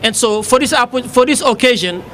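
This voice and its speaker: A man from Senegal, giving formal remarks as a city office director, halting with many fillers. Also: very high voice, sharp tone, slight background noise.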